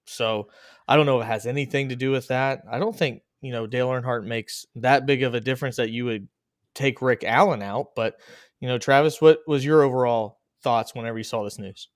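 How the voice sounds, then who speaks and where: A man hosting a casual racing chat podcast, joking and animated. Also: medium pitch, brisk, dry recording, studio quality. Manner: joking, animated, laughs at own bits. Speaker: podcast host.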